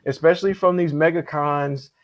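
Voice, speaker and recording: A cosplay contest host and judge chats casually in an interview, his voice on the high side and his pace normal. He's relaxed and talkative, acting out quoted exchanges, and gives earnest advice while repeating his points for emphasis.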